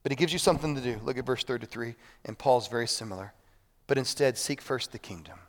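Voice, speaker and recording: A man, a pastor preaching a sermon, moving between hushed moments and loud appeals. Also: mid-range voice, fast. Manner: preaching with big swings between quiet and loud. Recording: long reverb of a hall.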